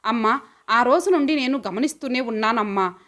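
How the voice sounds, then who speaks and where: A woman's voice: on the high side, normal speed, fairly bright tone, close to an everyday voice. A woman reading the part of a poor, devoted young mother in an audio story, speaking in a heartfelt, pleading way.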